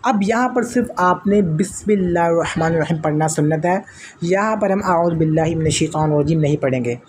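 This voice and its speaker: A man's voice: fairly high pitch, fairly quick, a little hiss or hum. A man teaching Quran recitation in a spoken lesson, patiently explaining step by step and posing questions he then answers himself, with chanted recitation examples.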